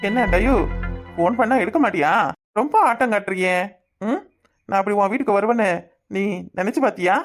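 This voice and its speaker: A woman's voice: mid-range voice, a little fast, long pauses, soft background music, natural voice. A woman voicing a cocky young male blackmailer in a cartoon, with a Kanyakumari Tamil accent and a taunting, menacing way of talking. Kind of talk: cartoon voice acting.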